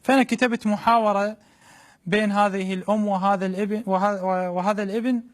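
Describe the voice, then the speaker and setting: A man with a notably high voice recites colloquial dialogue in verse, linking it with narration. He speaks with an Iraqi Arabic accent. His delivery is declamatory, with lines repeated for emphasis. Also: steady tone, brisk. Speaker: religious reciter.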